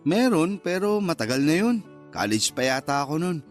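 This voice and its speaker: Soft music plays behind a man whose high-leaning voice is very animated at a normal speed. In this radio drama he voices a hesitant but frank young man who courts older women, chatting casually with a mildly defensive edge.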